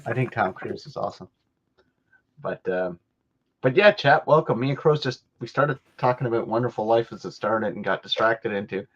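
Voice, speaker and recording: A man's voice: medium pitch, normal speed, a bit bright. Rambling Canadian man, lo-fi sound. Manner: rambling, self-correcting storyteller. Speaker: podcast host. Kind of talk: casual chat. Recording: dull lo-fi sound.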